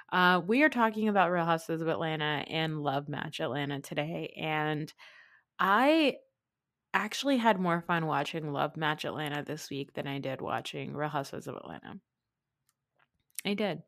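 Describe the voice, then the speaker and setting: A woman's voice: deep voice, normal speed, a bit bright, no echo, clean studio sound. Lisping woman podcaster with a retainer in. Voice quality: slight lisp from wearing a retainer. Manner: chatty, self-deprecating, joking. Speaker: podcast host. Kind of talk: casual chatty reality-TV recap.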